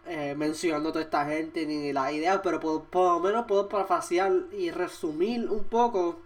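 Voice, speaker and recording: A man's voice: a little high, fairly even intonation, moderate pace. Young Puerto Rican man ranting casually. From Puerto Rico. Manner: rambling, profane, full of "este" and "o sea" fillers. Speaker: podcast host. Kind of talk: casual opinion monologue.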